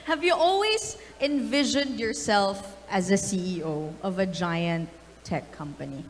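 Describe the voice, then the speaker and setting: A woman's voice: medium pitch, lively intonation, unhurried. A woman moderating a conference panel in a chatty, friendly way, often saying "um" and "you know". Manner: chatty, friendly, many fillers. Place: conference stage. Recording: reverberant event hall.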